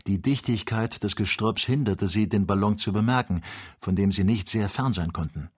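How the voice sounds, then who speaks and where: Audiobook narrator, male, low and husky, steady storytelling. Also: moderate pace. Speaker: audiobook reader. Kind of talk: scripted narration.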